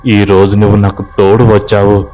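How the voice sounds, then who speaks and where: A man voicing the vengeful ghost of a woman who died unmarried, speaking slowly and eerily in a horror tale. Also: on the low side, completely flat delivery, mellow, lightly acted. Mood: eerie coaxing. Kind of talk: horror storytelling.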